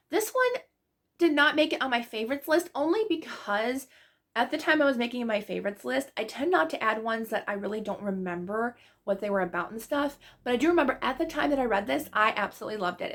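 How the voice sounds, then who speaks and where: A woman's voice: on the high side, fairly bright tone. A woman book vlogger chatting casually about books she loved, gushing and full of fillers. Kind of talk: casual book review chat.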